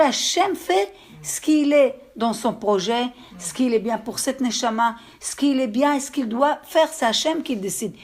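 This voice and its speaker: A woman with an accent giving a religious lesson to a group, telling stories in a halting way and often checking that her listeners understood. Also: on the high side. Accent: speaks with an accent. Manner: storytelling, with halting restarts. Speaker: religious teacher. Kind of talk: lecture to a group.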